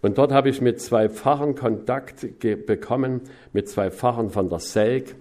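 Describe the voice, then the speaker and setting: A middle-aged man from Saxony, reporting on mission work to a congregation in a folksy way, tagging on questions often and swinging between loud emphasis and soft asides. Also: medium pitch, unhurried. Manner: folksy, with frequent tag questions. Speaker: missionary preacher.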